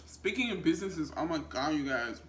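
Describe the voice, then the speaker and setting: A woman's voice: low voice, lively intonation, fairly quick. A woman vlogger chatting casually to her viewers in a rambling, conversational mukbang style. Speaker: vlogger and small business owner. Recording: roomy echo, faint background noise.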